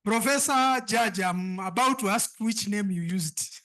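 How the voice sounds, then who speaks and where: A woman works as the emcee at a live competition. Her voice is bright and forceful at a middle pitch. She addresses the audience directly, urging them along with repeated instructions. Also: measured pace. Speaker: event host and emcee. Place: live event before an audience.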